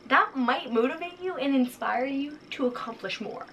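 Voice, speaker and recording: A young woman co-hosting a podcast in casual chat, chatty and quick to laugh, with lots of "like". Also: high voice, animated, fairly bright tone, a little hiss or hum. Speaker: podcast co-host.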